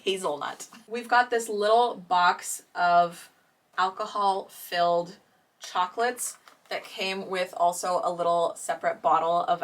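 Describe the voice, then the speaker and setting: Bright, chatty young woman vlogging. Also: mid-range voice, recorded from a distance. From Romania. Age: 20s. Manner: chatty, rambling, giggly, many "like" fillers. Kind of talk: casual vlog unboxing chat.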